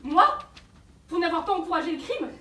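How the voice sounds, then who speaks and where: A merciless, pious spinster on stage, very high and piercing. She declaims every judgement with hammy theatrical grandeur, heard from afar in an echoing hall. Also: very animated, normal speed, pushed and bright, heavily acted. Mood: haughty outrage. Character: pious, self-righteous, merciless spinster preaching sin and punishment. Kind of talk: theatrical stage play acting. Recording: echoey hall from far off, faint noise.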